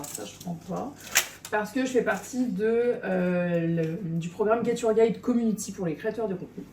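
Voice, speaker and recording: Vlogueuse au timbre sombre, pièce résonnante. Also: female voice, medium pitch, dark tone. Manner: rambling, many hesitations. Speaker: travel vlogger. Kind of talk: casual vlog monologue. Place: apartment indoors. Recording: echoey room, from far off, faint noise.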